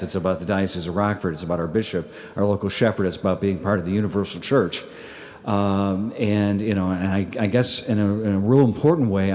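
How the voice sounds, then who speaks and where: A man's voice: fairly low pitch, a little mellow. A man, the pastor, giving a chatty, folksy homily at Mass, with many fillers and restarts. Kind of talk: casual homily with an appeal. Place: church at Mass.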